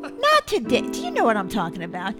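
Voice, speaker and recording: A woman in her seventies hosts a show with loud music playing behind her, her high voice swooping wildly in pitch at a fairly quick pace. Her casual monologue to viewers rambles, self-mocking and full of joking asides.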